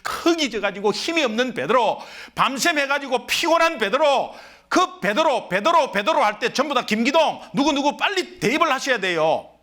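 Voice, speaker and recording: A male pastor, from Korea, preaching a sermon in a church sanctuary with emphatic delivery that swings between loud and hushed. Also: extremely high pitch, very animated, normal speed, few pauses.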